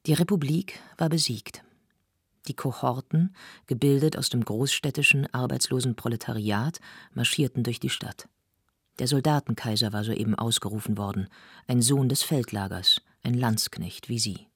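A woman narrating a novel in an audiobook, in a measured, serious reading. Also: rumbling low, breathy edge, no echo, clean studio sound.

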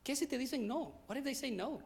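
Stammering pastor preaching. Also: male voice, very high-pitched, animated, fairly quick. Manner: repeats each phrase in a second language; stammers and restarts. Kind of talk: bilingual sermon.

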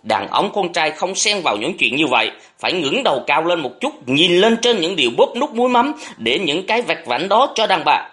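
A man's voice: a little high, very animated, normal speed, hardly any pauses, bright, forceful tone, pitched above the performer's own voice. A man voicing a stern old schoolmaster who scolds his son in a storybook reading. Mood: angry. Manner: scolding, authoritative.

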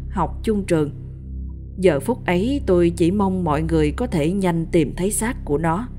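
A woman narrates a first-person ghost story in a steady, measured way. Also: on the low side.

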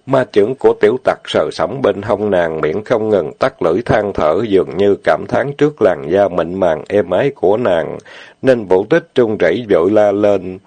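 A man narrating an audiobook novel in a steady, plain reading. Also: low voice, normal speed, no echo. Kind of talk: storytelling narration.

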